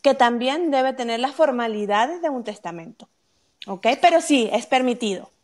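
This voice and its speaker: A legal expert on wills, a woman with a slightly higher-pitched voice, works methodically through legal questions as if in a live Q&A chat. She often tosses in a quick "ok?" to make sure the listener is following, and her delivery is animated with a darkish tone.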